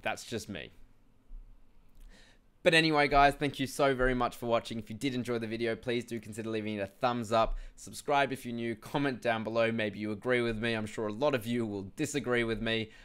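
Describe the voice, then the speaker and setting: A young man giving casual gameplay commentary, ranting in a frustrated, animated way and often addressing viewers as "guys". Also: mid-range voice, brisk, clean tone. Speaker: gaming video host.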